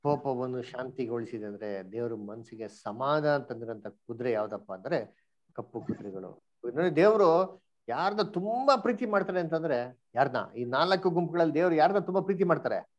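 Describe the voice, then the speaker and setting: A man's voice: medium pitch, moderate pace, lo-fi sound. A man teaching an online Bible study class, quizzing the group and mixing English words into his speech.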